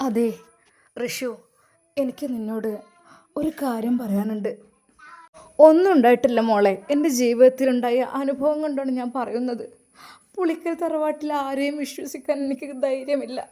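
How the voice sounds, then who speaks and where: Hushed, subdued grieving woman, woman narrator voices her, high-pitched storytelling. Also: a little slow, pauses often. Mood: hushed, bitter. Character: grieving older woman, quiet and bitter.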